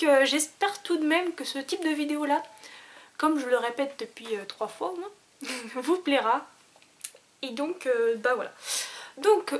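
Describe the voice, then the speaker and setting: A young woman chats to her viewers in a high, bright voice. She rambles, restarts her sentences and fills pauses often, casual and unscripted. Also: a little hiss or hum. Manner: chatty, many fillers and restarts. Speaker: vlogger. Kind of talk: casual vlog chat.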